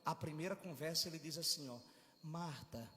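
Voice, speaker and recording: High-voiced preacher in an echoing church. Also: male voice, lively intonation, a little fast. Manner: dramatic preaching, swings from hushed to shouting. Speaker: pastor. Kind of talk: sermon. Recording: reverberant hall with music behind.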